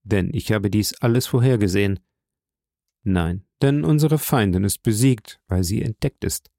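A man playing a calm, commanding nobleman in an audiobook reading, measured and solemn. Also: on the low side, creaky, dry recording, studio quality. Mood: grave.

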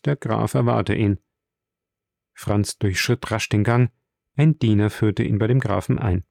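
Man reading an old novel aloud, gravelly mellow voice, dry close sound. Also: lowish voice, no room sound. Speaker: audiobook narrator. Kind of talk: scripted narration of a classic novel.

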